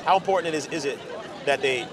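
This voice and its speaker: A man preaching conversationally on the street, in deliberate, stressed short phrases, recorded outdoors. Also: on the high side, a crowd in the background. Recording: outdoor street with people and traffic.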